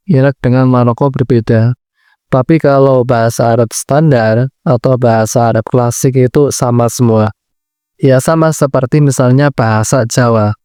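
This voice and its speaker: A man teaching a lesson, explaining steadily in short, measured clauses. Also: mid-range voice, warm tone, smooth, no room sound, studio quality. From Central Java, Indonesia. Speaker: Arabic language teacher. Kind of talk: educational lesson.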